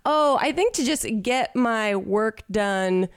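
A woman's voice: a little high, expressive, takes it slowly, clear, resonant tone, no echo, studio quality. A young woman co-hosting a podcast, chatting casually with many likes and ums. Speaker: podcast co-host. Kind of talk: casual chat.

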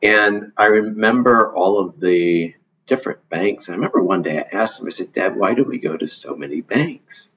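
A man answering interview questions in a measured way, often restarting his sentences. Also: fairly low pitch, fairly bright tone, husky. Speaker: guest, foundation leader. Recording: dull lo-fi audio.

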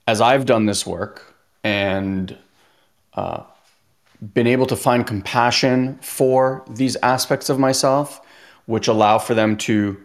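A man hosting a podcast in casual talk, chatty, saying "like" often and acting out little quotes. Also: medium pitch. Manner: chatty, says "like" a lot, acts out quotes. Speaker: podcast host.

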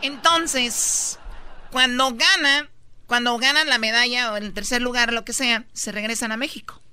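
A woman's voice: on the high side, steady tone, measured pace, pushed and bright, clear, resonant tone. A woman co-hosting a comedy radio show, telling a gossip story in a chatty, teasing way.

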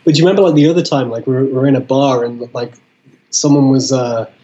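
A man telling stories in casual chat, rambling and halting, with frequent swearing. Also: mid-range voice, mellow, lo-fi sound. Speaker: guest.

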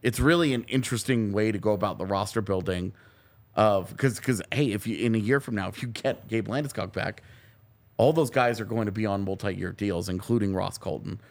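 Lower-voiced man giving casual sports analysis. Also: gravelly.

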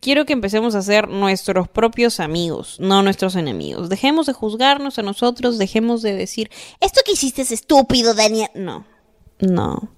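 A woman's voice: on the high side, creaky, darkish tone. Chatty young woman podcaster. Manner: chatty and affectionate, often checks in with the listener. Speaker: podcast host. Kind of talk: casual advice chat.

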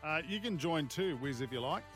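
A man's voice: a little high, expressive, normal speed, a bit bright, soft background music. A man with an Australian accent hosting a sports radio show in a casual, matey style.

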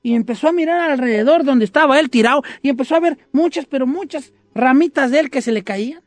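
A radio host telling a dramatic story in an expressive voice. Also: sits high, quick pace, no room sound, soft background music.

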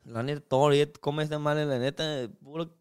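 A man's voice: fairly high pitch, steady tone, a little fast, smooth. A young Chinese man chatting as a guest in broken, slangy Spanish full of restarts. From China. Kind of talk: casual interview chat.

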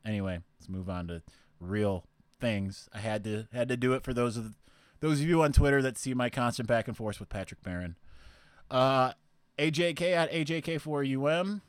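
This young man hosts a podcast, his clear, resonant, medium-pitched voice moving at a moderate pace as he answers listener questions in a loose, rambling way full of fillers and false starts. The sound is dry.

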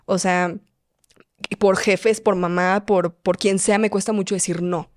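A woman's voice: medium pitch, fairly even intonation, a little slow, no room sound, studio quality. A woman in her twenties with a Mexican Spanish accent, chatting as a podcast guest and telling stories full of fillers. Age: 20s. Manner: chatty, filler-heavy storytelling, often acting out quoted voices. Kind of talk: casual conversational interview.

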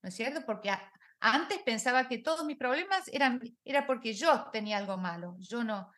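A woman's voice: fairly high pitch, expressive, brisk, a bit bright. Middle-aged woman coaching. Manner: reflective, asks rhetorical questions, mixes in English words. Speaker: life coach guest. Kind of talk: conversational interview.

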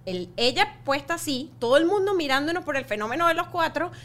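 A woman's voice: sits high, very animated, fairly quick, a bit bright. A woman in her thirties, a mother of quadruplets, talking reflectively as a guest in a casual interview. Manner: talkative, reflective, often adds "¿sabes?".

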